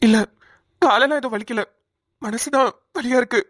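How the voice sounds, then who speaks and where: A woman's voice: on the high side, normal speed, no room sound, studio quality, natural voice. A woman voicing a weary, worried grown man with an injured leg in a cartoon, speaking in a subdued way. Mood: troubled. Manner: subdued, weary, heavy-hearted. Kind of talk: cartoon voice acting.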